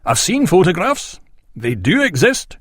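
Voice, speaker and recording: A man voicing an earnest, enthusiastic gentleman who believes in fairies. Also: sits high, huge pitch swings, unhurried, slightly rough, no echo, clean studio sound, pitched above the performer's own voice, full character voice.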